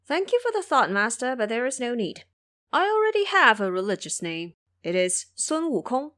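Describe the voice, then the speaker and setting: An excitable monkey hero, played by a woman for an audio drama. The voice leaps high and swings widely in pitch, brash and eager, exclaiming like a devoted disciple. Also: moderate pace. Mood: cheerful.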